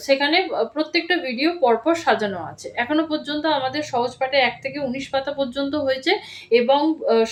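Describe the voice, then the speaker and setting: A woman teacher giving a patient reading lesson to young children, spelling out words slowly syllable by syllable. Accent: Bengali. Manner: asks "ঠিক আছে?" with a sharp rise in pitch.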